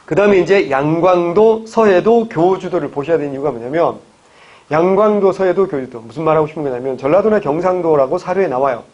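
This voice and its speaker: A man's voice: a little high, fast, few pauses, a little mellow, lo-fi sound. A man from Gyeongsang province teaching history for an exam-prep course, firing questions at the class and answering them himself. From Gyeongsang province, Korea. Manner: quizzing, answers his own questions. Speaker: history lecturer.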